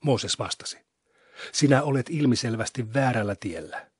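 Husky-voiced man reading scripture solemnly. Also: mid-range voice, expressive, no room sound, studio quality. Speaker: scripture reader.

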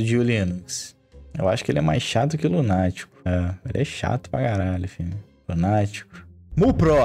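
A male streamer talks on a live stream in a lively voice that swings up and down. He hands out blunt, irreverent snap verdicts packed with slang. Faint music plays in the background. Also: medium pitch.

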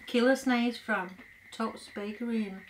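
A woman's voice: on the high side, measured pace, a little hiss or hum, low-quality recording. A woman from Denmark, a native Danish speaker, chatting casually as she tastes food. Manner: chatty, eating while talking. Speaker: co-host tasting food. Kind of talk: casual chat.

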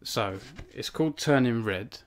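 A man's voice: medium pitch, lively intonation, measured pace. A young man hosting a casual live stream from his home cabin, rambling with many fillers and self-deprecating asides. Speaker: author hosting a book launch stream.

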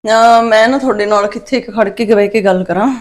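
Middle-aged woman vlogger, mid-pitched, gentle and grieving, consoling tone, chatty asides. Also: a little fast. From Punjab. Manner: soft, sorrowful, consoling, with many tag questions. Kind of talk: casual heartfelt talk to viewers.

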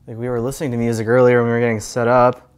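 A man investigating a haunting, asking questions in a hushed voice during a casual ghost-hunting session. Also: mid-range voice, completely flat delivery, rapid-fire, smooth. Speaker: paranormal investigator.

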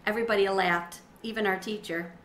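A middle-aged woman with a bright, medium-pitched voice reads a children's book aloud at a fairly quick pace, using clear storytelling phrasing and animated dialogue. She's in a small windowed sunroom at home, and the recording has a roomy echo with faint background noise.

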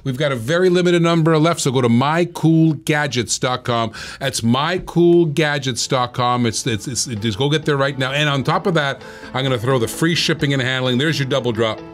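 A man hosting a talk show, pitching gadgets as an animated salesman who keeps repeating phrases and prices. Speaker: host.

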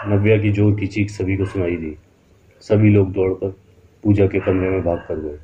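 Deep-voiced man narrating a horror story. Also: mellow, lo-fi sound, slight background noise.

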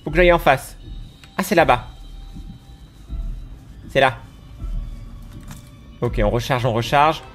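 A man doing let's play commentary, excitable and teasing, yelping when scared and chatting to the monster on screen. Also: medium pitch, slow pace, pauses often, soft background music. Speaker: gaming YouTuber.

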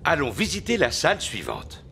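A big-hearted bumbling daddy pig from a children's cartoon. His delivery is jovial and hugely animated, easily puzzled, over prominent music. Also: a little high, normal speed, gravelly, full character voice. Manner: jovial, expressive, chuckling. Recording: music behind the voice.

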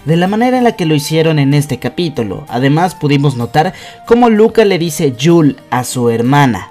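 Over background music, a young YouTube host with a Mexican accent delivers scripted fan commentary in an emphatic, excited style. He has a fairly high-pitched, somewhat mellow voice.

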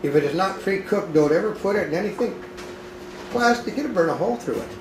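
A man's voice: sits high, lively intonation, brisk. A man co-hosting a casual home cooking demo, talkatively giving tips and addressing viewers as folks. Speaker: cooking show co-host. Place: home kitchen, indoors. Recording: echoey kitchen with clear background noise.

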